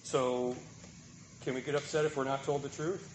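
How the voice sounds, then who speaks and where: A man delivers a sermon at an ordinary middle pitch. He presses his points with rhetorical questions and keeps checking in with his listeners. A faint noise sits under the recording. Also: steady tone, normal speed. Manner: rhetorical questions, emphatic, tag "right?". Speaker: preacher.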